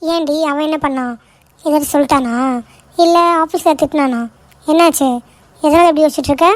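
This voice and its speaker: A woman's voice: sits high, fairly even intonation, fairly quick, a little mellow, dry recording, natural voice. A woman voicing a middle-aged cartoon mother who scolds and coaxes her daughter. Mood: puzzled. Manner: scolding, coaxing, teasing. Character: middle-aged mother, nagging but caring. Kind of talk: cartoon voice acting.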